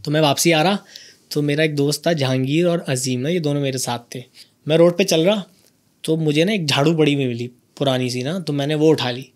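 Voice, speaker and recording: A man from Karachi, hosting a podcast and telling a childhood story in a lively, animated way. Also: a little high, fairly quick. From Karachi, Pakistan. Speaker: podcast host. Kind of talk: casual storytelling chat.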